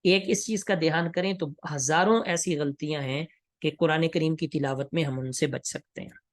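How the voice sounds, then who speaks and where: A man with a slightly high voice gives a tajweed lesson on Quran recitation. He explains each point steadily and stretches out example syllables slowly so learners can follow. The sound is dry and close, with no room echo. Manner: slow, drawn-out demonstrations of Arabic pronunciation.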